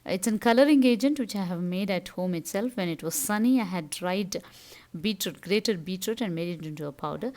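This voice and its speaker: A woman's voice: mid-range voice, fairly quick, a little mellow. Tamil accent lady doing a cooking vlog voiceover, middle aged, explains stuff step by step. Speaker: home cooking vlogger. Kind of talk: casual vlog narration of household chores and cooking.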